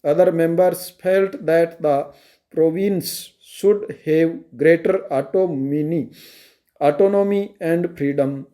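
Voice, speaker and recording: A man with an Indian accent reading a dictation aloud in measured, halting phrases for shorthand practice. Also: on the high side, mellow. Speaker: stenography dictation reader.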